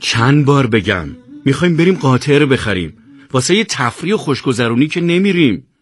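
A man's voice: medium pitch, animated, fairly bright tone, natural voice. A man voicing an exasperated young male soldier who scolds and threatens his friends in a radio novel reading.

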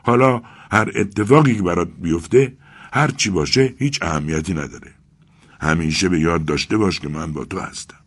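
A man's voice: low voice, breathy edge. A man doing an earnest, devoted friend. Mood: eager. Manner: earnest, coaxing, rising with excitement.

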